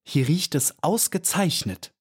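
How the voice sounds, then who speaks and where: A man's voice: on the high side, very animated, a little slow, husky, pitched above the performer's own voice, heavily acted. A man voicing a shy, curious newborn girl bee with a childlike, questioning manner, in a storybook reading. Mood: timid.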